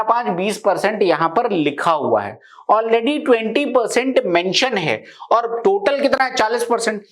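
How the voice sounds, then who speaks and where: Man, maths teacher, live class, very animated pitch, step-by-step explaining, keeps checking understanding. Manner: explains step by step, often checks if students follow.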